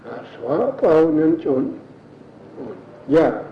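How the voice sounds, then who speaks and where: Slow, halting man answering questions. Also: a little high, lively intonation. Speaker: language informant. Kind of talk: elicitation interview. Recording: echoey, dull old field recording with faint hiss.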